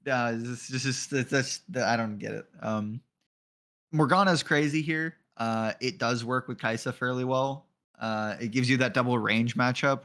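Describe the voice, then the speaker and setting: A man doing color commentary on a live esports draft. He sounds relaxed and joking, laughs easily and lets the odd swear slip. His voice sits at an ordinary mid pitch. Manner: casual and joking, laughs often, swears offhandedly.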